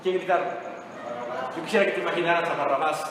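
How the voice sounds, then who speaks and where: High bright-voiced preacher in echoing hall. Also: male voice, fairly even intonation, quick pace, background noise. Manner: dramatic retelling, asks the congregation questions. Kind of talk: sermon. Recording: very echoey hall with long reverb.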